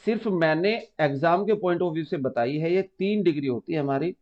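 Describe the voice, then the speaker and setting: A man's voice: fairly high pitch, normal speed. A man teaching an exam-prep grammar lesson, patiently explaining step by step, repeating key terms and calling students "beta.". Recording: muffled lo-fi recording.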